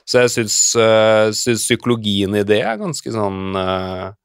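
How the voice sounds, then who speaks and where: A man in his thirties talks things through in casual conversation, pausing often as he reflects. His voice sits on the low side. The sound is dry and close, with no room around it. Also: fairly even intonation, clean tone, no room sound. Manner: reflective, hesitant with frequent fillers. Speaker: podcast guest.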